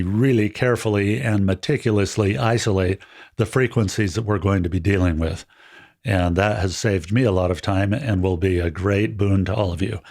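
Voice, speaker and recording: A fairly deep-voiced man hosts a friendly, step-by-step audio gear tutorial, explaining things in a relaxed, chatty way and slipping in small jokes. He's recorded on a dynamic handheld-style studio mic with no EQ.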